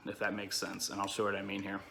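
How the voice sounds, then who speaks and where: Casual, bright-voiced man giving a lesson. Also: sits low, monotone, quick pace, gravelly. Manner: informal, explanatory, frequent check-ins like "okay" and "all right". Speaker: duck-calling instructor. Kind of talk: casual hands-on tutorial.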